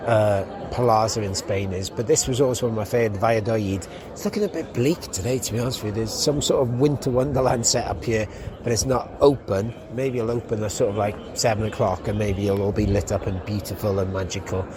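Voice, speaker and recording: This young male podcast host speaks a little fast, his voice sitting on the low side, as he wanders city streets chatting casually. His talk rambles and is full of ums. Traffic and general street noise come through from the outdoor setting.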